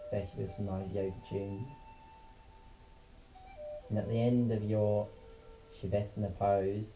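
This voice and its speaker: A man's voice: on the low side, flat delivery, unhurried, over music. A man leading a casual guided yoga lesson in a laid-back, slangy, unpolished way, as the instructor. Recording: muffled, dull lo-fi sound.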